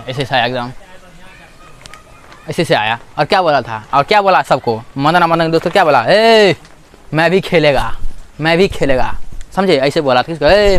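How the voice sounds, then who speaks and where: A man's voice: fairly high pitch, animated, fairly quick, fairly bright tone. A man explaining a school literature chapter as a teacher, asking and answering his own questions over and over.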